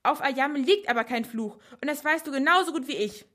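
A woman voicing a calm, clever young man who lays out his reasoning step by step. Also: high-pitched, a little fast, pitched above the performer's own voice. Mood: accusing.

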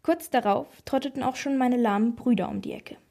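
Breathy woman reading a children's story. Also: on the high side, a little fast, mellow. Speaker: narrator.

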